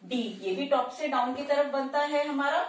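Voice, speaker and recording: A woman teaching shorthand in a slow, step-by-step tutorial, repeating each sound and word carefully. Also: sits high, steady tone, recorded from a distance. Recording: very echoey room, voice off-mic.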